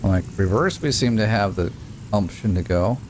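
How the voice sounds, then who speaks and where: With a fairly low, slightly mellow voice at normal speed, a Utah man provides loose, rambling let's-play commentary for his YouTube gaming channel. He mutters at the game as he goes. There's slight background noise.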